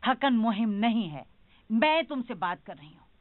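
Dubbed TV drama: indignant, insistent scolding mother, high voice, tinny phone-like sound. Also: very animated, moderate pace, no room sound. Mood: stern.

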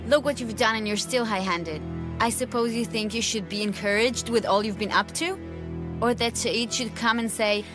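A woman's voice: fairly high pitch, fairly even intonation, moderate pace, lightly acted. A woman dubbing a stern, scolding caretaker. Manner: scolding, lecturing. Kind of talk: dubbed drama. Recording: music score underneath.

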